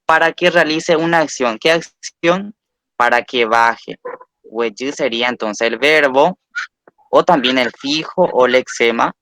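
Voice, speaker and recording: A man's voice: medium pitch, unhurried, sharp tone, no echo. Patient male language teacher, dry sound. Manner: patient, spells out sounds and repeats example words. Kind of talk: recorded language lesson.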